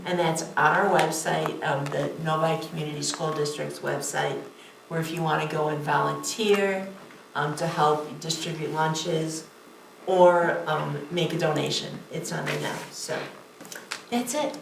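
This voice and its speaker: A woman with a low, gravelly voice gives a chatty announcement at a board meeting. She sits away from the mic, so she sounds distant in an echoey room. Clear background noise runs under her voice. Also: fairly even intonation, measured pace. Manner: chatty, many fillers. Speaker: school board member. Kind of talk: meeting remarks.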